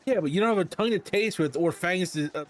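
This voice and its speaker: A man's voice: sits high, fast talker. A man casually bantering over a game in an argumentative, teasing way.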